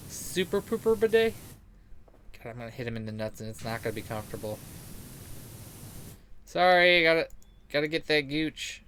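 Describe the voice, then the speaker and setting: Pitched fairly high and fairly bright, this man swings widely in pitch while chatting over a game at a moderate pace, pausing often. He's rambling, jokey, crude, and sweary, voicing quoted remarks dramatically. Background noise comes through clearly.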